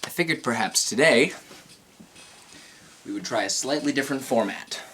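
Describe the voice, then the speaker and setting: A man's voice: medium pitch, expressive, normal speed, sharp tone, a little hiss or hum. A man in his twenties teaching a casual on-camera math lesson, thinking aloud with many fillers and self-corrections. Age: 20s. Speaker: math channel host. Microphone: camera mic, on camera at a board.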